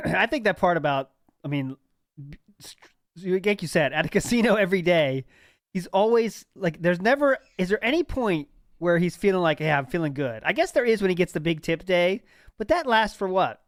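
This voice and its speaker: A man's voice: high voice, expressive, normal speed, no room sound, studio quality. A man hosting a livestream, chatting casually and chuckling as he reads out viewer messages. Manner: laid-back, chuckling, reads out submitted messages. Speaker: stream host. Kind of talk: casual chat.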